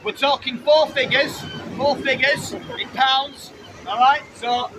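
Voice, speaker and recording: A man's voice: extremely high pitch, steady tone, takes it slowly. A British man preaching fervently and insistently to passers-by outdoors, pressing them with repeated phrases and rhetorical questions. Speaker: street preacher. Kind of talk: open-air evangelistic preaching to passers-by, with riddles and questions. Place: outdoors on a busy urban street. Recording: noisy busy street with crowd and traffic.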